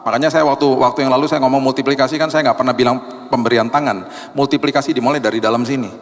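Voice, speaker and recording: A middle-aged male pastor preaches in a casual, conversational way and slips into the voices of the people he talks about. His voice sits at a medium pitch. It rings with a long reverb from a church hall. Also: fairly even intonation, rapid-fire. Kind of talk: sermon.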